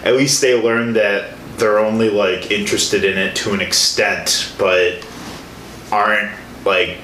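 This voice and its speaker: A man's voice: lowish voice, steady tone, measured pace, a bit bright. A man interviewing a guest in casual chat, hesitant and full of filler words. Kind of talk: casual conversation. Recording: roomy echo, faint background noise.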